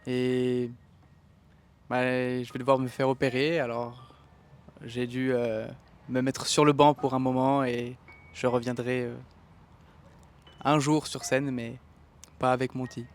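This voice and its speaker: A young man speaking slowly and haltingly in a subdued interview. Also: mid-range voice, little pitch movement, slight background noise. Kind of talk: interview testimony.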